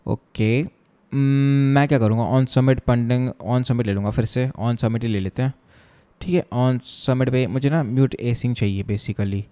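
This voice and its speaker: A young man from Chennai talks through his coding on a live stream. He chats and jokes with his viewers, switching freely between Hindi and English tech words. His voice is mellow and dark, set at an ordinary middle pitch. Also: steady tone, takes it slowly, clear, resonant tone. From Chennai, India. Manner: chatty and joking, reading viewer chat aloud and answering it. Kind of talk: casual live-stream chat while coding.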